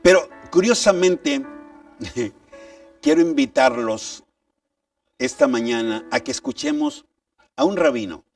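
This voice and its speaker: Gravelly, animated male preacher. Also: mid-range voice, slow, pauses often. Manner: emphatic, reads scripture aloud, asks rhetorical questions. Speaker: pastor. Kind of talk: sermon. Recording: distant mic, faint background music.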